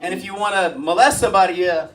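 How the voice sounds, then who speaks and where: A man doing a stand-up comedy set with deadpan one-liners and crude jokes, on a comedy club stage. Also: high-pitched, quick pace. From Springfield, US. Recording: live club mic heard from a distance, light noise.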